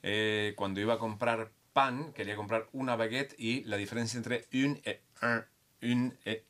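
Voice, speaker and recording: A man on a discussion panel, talking in an animated way and telling anecdotes. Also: lowish voice, moderate pace. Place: Quebec.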